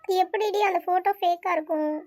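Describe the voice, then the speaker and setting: A woman's voice: very high voice, fairly even intonation, fast talker, darkish tone. A woman voicing a heartbroken young woman in a cartoon story, tearful and despairing. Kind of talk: cartoon voice acting.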